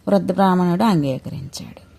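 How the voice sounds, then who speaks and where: A woman tells a devotional tale with emotive, dramatic narration. Her voice sits somewhat low, and she leans into the sorrowful moments. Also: brisk, vocal fry, mellow. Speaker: storyteller.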